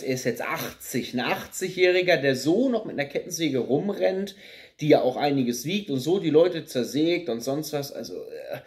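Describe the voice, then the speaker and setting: A man's voice: fairly high pitch, darkish tone. Man ranting through a film review. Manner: critical, ranting, with many fillers and repeated words. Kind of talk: casual spoken film review. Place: small plain room indoors, seated on a sofa.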